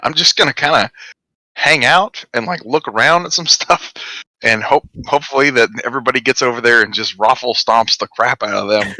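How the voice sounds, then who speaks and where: A man's voice: medium pitch, brisk, pushed and bright, no echo, poor audio. A man playing a tabletop game, giggly and rambling as he describes his moves, over online voice chat. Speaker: player.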